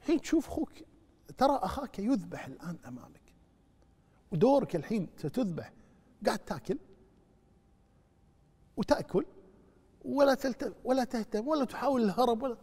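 Man, high voice, animated preaching, long hall reverb. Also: a little fast, long pauses, breathy edge. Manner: animated preaching, rising to loud rebuke. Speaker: Islamic scholar answering questions. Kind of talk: religious question-and-answer lesson.

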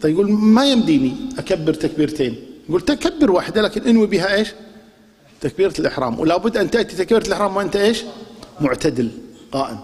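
With a high-pitched, darkish voice, racing and very animated, a Kuwaiti Arabic-accented religious teacher leads a lesson. A large hall's long reverb surrounds him as he poses rhetorical questions, sounds out pronunciations and drills the class on answers.

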